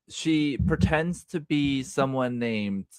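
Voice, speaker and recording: A man's voice: medium pitch, extremely slow, clear, resonant tone, no echo. Man, casual chat, rambling restarts, dry close sound. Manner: rambling, many restarts, acts out quotes. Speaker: podcast co-host.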